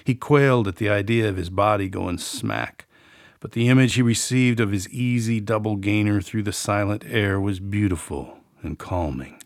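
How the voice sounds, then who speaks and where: A man's voice: lowish voice, moderate pace, no echo, studio quality. A middle-aged man, an author and podcast host, reading from his own novel and then rambling in a folksy, self-deprecating way.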